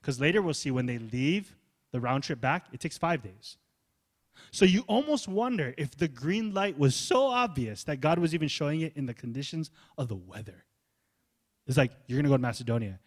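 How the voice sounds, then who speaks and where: Animated conversational man preaching. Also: fairly high pitch, moderate pace. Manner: loose, casual phrasing with fillers. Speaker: pastor. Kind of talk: sermon.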